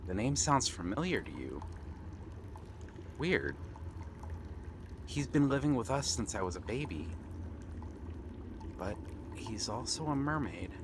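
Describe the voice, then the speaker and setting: A man acts as an eager young pirate prince in an ASMR fantasy roleplay, a one-sided dialogue set against seaside ambience and clear water sound effects with background noise. He sounds wary and puzzled, speaking slowly, earnestly and gently in a friendly, sing-song medium-pitched voice with frequent pauses.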